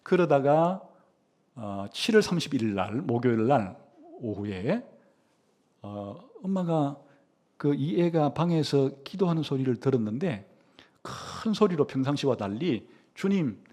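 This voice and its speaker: Middle-aged guy pastor telling a story in a sermon, voice jumps around a lot, lots of uh's, endings fade out soft. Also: mid-range voice, unhurried. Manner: animated storytelling, acting out a child's and mother's lines; frequent "어" fillers, trailing soft endings.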